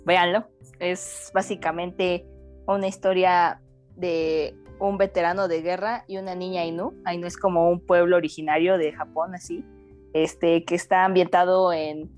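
A young adult woman with a Mexican accent, co-hosting a casual comedic podcast in a slangy, playful, self-mocking way. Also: mid-range voice. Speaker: podcast co-host.

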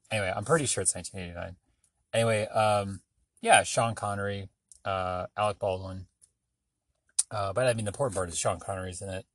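A man with a low-sitting voice hosts his own podcast in a solo casual monologue, recorded with no echo. He rambles and meanders from thought to thought, offhand and self-deprecating, with many filler sounds.

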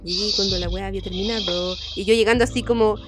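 A young woman with a Chilean accent telling a story in casual chat, animated and acting out the people she quotes. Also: quick pace, music in the background. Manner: animated, acts out quoted people in sudden high voices. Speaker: podcast co-host.

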